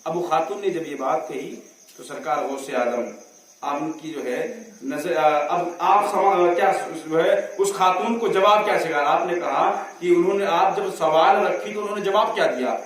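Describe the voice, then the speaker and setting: A man preaching a sermon as a story, his voice rising to shouts at the climaxes, picked up through a stage microphone at a large religious gathering. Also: on the high side. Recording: very echoey, far from mic.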